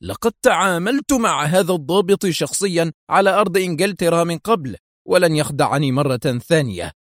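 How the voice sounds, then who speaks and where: A man voicing a menacing elderly male spymaster who shouts threats through clenched teeth. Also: medium pitch, normal speed, dry recording, clean studio sound, close to an everyday voice. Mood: furious.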